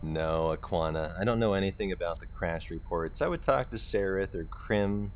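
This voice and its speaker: A man's voice: deep voice, normal speed, a little hiss or hum. A man talking as a speedrunner on a livestream, casually addressing viewers in buddy slang about splits and time saves, a little tired. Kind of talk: casual speedrun commentary to stream chat. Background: loud video game music and game dialogue.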